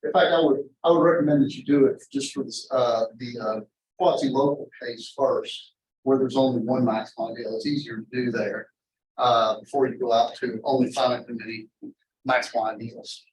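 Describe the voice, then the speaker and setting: A man giving an informal university math lecture in a rambling, halting way, often interrupting himself and drifting into asides. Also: mid-range voice, fairly even intonation. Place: indoor classroom. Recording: echoey lecture room, distant mic.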